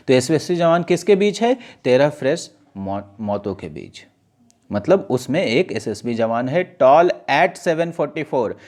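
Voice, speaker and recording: A man giving an exam-prep lesson, reading newspaper lines aloud slowly, then asking his students questions and answering them himself. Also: a little high, a little mellow. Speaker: teacher.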